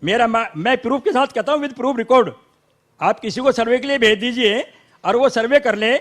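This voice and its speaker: High-voiced insistent Haryanvi man. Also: moderate pace, a bit bright. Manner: insistent, argumentative, interrupts to defend his side. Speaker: local supporter of the minister on a debate panel. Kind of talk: heated panel debate.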